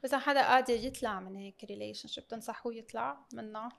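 Lebanese woman with a creaky, quick voice. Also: a little high. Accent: Lebanese Arabic. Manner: mixes in English words. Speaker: talk host asking questions and commenting. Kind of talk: casual discussion.

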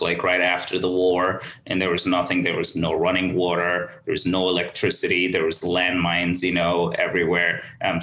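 A man from Somaliland, raised in the UAE, speaking as a podcast guest on a remote call. He tells his story in a halting, earnest way with frequent restarts. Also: deep voice, fairly bright tone. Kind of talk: conversational storytelling. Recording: echoey room over a call.

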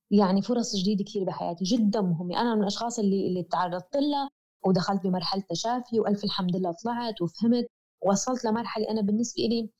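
A woman's voice: medium pitch, a little mellow, dull audio. A woman with a Levantine Arabic accent speaking as an interview guest, explaining reflectively in an earnest, emphatic way and repeating key phrases.

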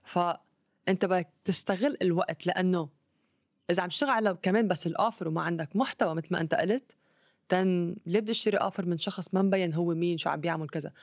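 Lebanese lady talking super fast, arabic english mix, casual explainer, no room echo. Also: lowish voice, clean studio sound. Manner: mixes English words into Arabic.

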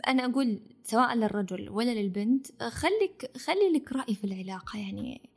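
A woman's voice: fairly high pitch, expressive, fast talker, husky. A woman who co-hosts and counsels, giving direct advice in a podcast discussion. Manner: affirming, gives advice directly. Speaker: co-host and counselor.

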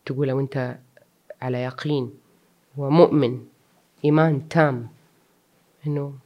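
A woman's voice: extremely low pitch, fairly even intonation, normal speed, lo-fi sound. A woman, speaking earnestly and reflectively as an interview guest, mixing in English words. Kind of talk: personal interview.

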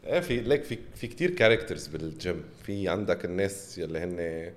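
A man's voice: low-pitched, animated, fast. A man with a Lebanese Arabic accent in casual banter, switching now and then into English. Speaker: podcast co-host.

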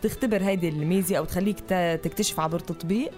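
Female co-host, Lebanese Levantine accent, quick casual banter, faint music bed underneath. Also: on the low side, darkish tone. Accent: Levantine Arabic, Lebanese. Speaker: radio show co-host.

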